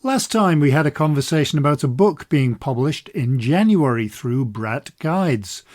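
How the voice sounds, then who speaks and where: A man's voice: on the high side, expressive, moderate pace, a little mellow. A man hosting a walking podcast, reading a news roundup with dry humour and then introducing his guest. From Scotland. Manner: upbeat, conversational, dry humour. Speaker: podcast host.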